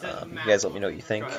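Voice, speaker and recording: A man commentating a card game match in a steady announcer-style delivery. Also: on the low side. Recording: crowd chatter behind. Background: chattering crowd.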